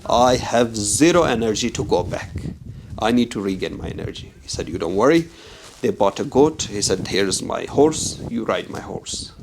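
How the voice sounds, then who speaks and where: Male, gravelly low voice, lively anecdotal teller who plays out the dialogue. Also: normal speed, noisy background. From Pakistan. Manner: animated storyteller acting out quoted dialogue. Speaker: documentary filmmaker. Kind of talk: casual travel anecdote.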